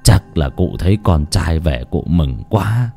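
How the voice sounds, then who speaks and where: A man voicing an older man in his fifties who softly consoles his younger brother. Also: lively intonation, measured pace, faint music behind. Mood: soothing. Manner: low, soft, soothing.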